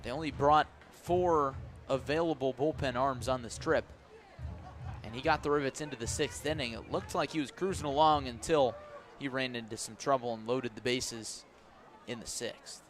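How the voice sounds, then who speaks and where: At a ballpark outdoors, a play-by-play announcer with a medium-pitched voice calls a live baseball game for radio. He speaks at a moderate pace, describes the play in detail, and lifts his voice when something happens, with outdoor ambient sound in the background.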